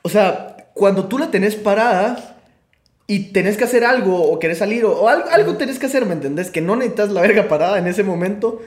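Young male co-host, high animated voice, teasing and jokey, roomy echo. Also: a little fast. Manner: jokey, laughs often, teasing. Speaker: podcast co-host. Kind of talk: casual chat.

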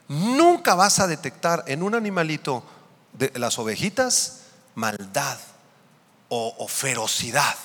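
A male pastor preaching a sermon, swinging between raised and hushed lines as he questions the congregation. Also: mid-range voice. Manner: preaching with sweeping rises and drops, questioning the congregation. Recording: long hall reverb.

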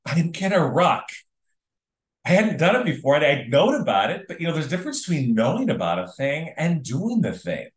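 A man's voice: on the high side, wildly swooping pitch, fast talker, hardly any pauses. A man hosting a casual solo podcast, talking enthusiastically and chattily to his listeners, whom he calls friends. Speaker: podcast host. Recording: roomy echo.

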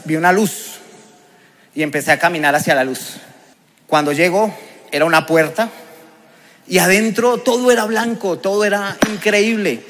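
A man's voice: on the high side, fairly bright tone. Colombian man preaching his testimony. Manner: vivid, emotional storytelling. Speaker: preacher giving a personal testimony. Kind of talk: testimony sermon.

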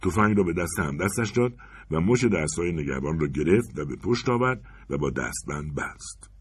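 A deep-voiced man reads a short story aloud with expressive storytelling. His pitch swings widely across sentences. The voice has a husky grain. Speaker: narrator. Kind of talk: audiobook story reading.

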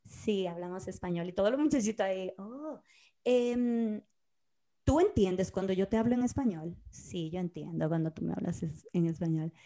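Speaking at normal speed in a mid-range voice, a thirtysomething woman from the Dominican Republic co-hosts a casual podcast. In this relaxed conversation she tells stories animatedly and dramatizes the quoted dialogue.

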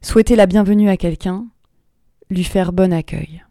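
A radio host narrating a sound portrait and gently asking interview questions. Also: medium pitch, normal speed, dry recording, studio quality.

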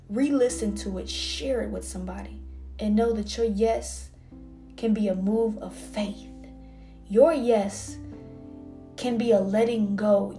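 A woman in her twenties hosting a podcast, preaching with passion and dropping now and then into soft whispers. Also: medium pitch. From Texas. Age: 20s. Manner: impassioned, swings between soft whispers and fervent outbursts. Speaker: podcast host. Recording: music playing underneath.

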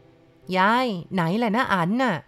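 A woman's voice: medium pitch, a little slow, fairly bright tone, natural voice. A woman reading a ghost story aloud, voicing an eager, polite young village boy in a raised, childlike voice.

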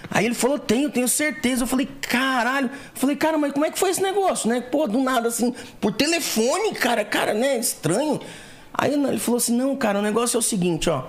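High-voiced, animated Brazilian man. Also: brisk. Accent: Brazilian Portuguese. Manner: animated, acts out quoted dialogue. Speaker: guest, co-founder. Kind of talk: casual podcast storytelling.

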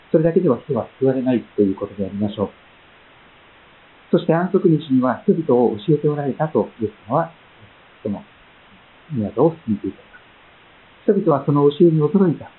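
A man preaching a sermon as pastor, reading scripture and praying in a measured, gentle way with frequent pauses and fillers. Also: mid-range voice. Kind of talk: sermon with Bible reading and prayer. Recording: tinny phone-like sound.

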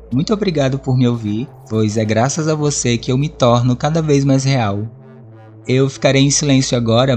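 A man hosting a podcast, chatting casually about his favorite songs as a lively storyteller who acts out his own reactions and swears casually. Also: mid-range voice, slight background noise. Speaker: podcast host.

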